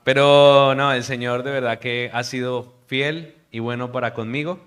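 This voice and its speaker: A man's voice: mid-range voice, fairly even intonation, moderate pace, clean tone. A young man from Colombia, a missionary preaching an earnest sermon to a congregation. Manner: earnest, warm preaching with hushed prayer.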